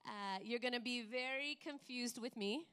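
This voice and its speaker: Emotional high-voiced woman preaching. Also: pushed and bright, clean tone. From United States. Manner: emotional, laughing often, halting restarts. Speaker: missionary preacher. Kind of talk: sermon with live interpreter. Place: church.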